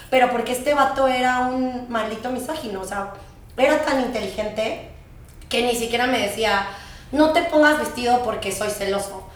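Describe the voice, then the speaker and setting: Young Mexican woman, slangy animated storyteller, slightly high voice, echoey room and set back from the mic. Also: distant mic, slight background noise. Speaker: podcast panelist. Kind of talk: casual chat.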